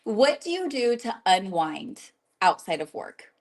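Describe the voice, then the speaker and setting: A woman's voice: mid-range voice, sing-song. A young woman in her twenties asking questions in a casual chat, bubbly and friendly. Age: 20s. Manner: bubbly, quick to laugh, friendly.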